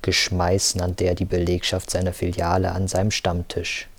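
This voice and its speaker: A man reading a novel aloud as narrator, in a steady, measured storytelling manner on a close mic. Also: low voice, no echo. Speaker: audiobook narrator. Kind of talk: scripted narration.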